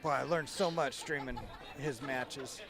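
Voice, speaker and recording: A man's voice: medium pitch, a little slow, gravelly. A man commentating a pool match in casual live chat, talkative and teasing. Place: busy convention hall by a pool tournament. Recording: live event with crowd noise and music.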